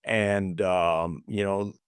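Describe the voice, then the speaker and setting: A man co-hosting a motivational talk, earnest and full of fillers and restarts, a little hoarse as he loses his voice. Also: deep voice, steady tone, very slow, no room sound, studio quality. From California. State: losing his voice a bit. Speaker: podcast co-host.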